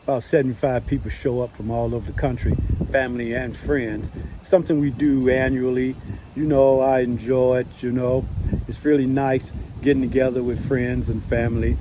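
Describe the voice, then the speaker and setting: A man talking casually to camera from his yard, relaxed and folksy, with lots of "you know" fillers. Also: medium pitch, normal speed, background noise. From United States. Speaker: vlogger.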